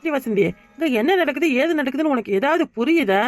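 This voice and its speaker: A woman's voice: sits high, lively intonation, brisk, faint music behind. A woman with a southern Tamil accent, making mocking, sarcastic comments on a cartoon scene. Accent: southern Tamil Nadu. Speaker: comic commentator.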